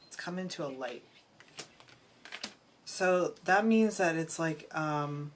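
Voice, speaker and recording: Slow, low-voiced woman musing over tarot cards. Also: expressive. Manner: musing, halting, emotional, trails off and restarts. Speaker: tarot reader. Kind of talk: intuitive tarot reading.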